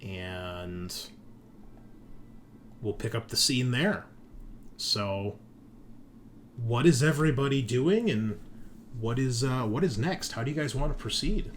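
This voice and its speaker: Acting as game master, a man recaps and narrates a tabletop session, speaking haltingly and conversationally as he thinks aloud. His voice is mid-range and expressive, with a little hiss or hum in the recording.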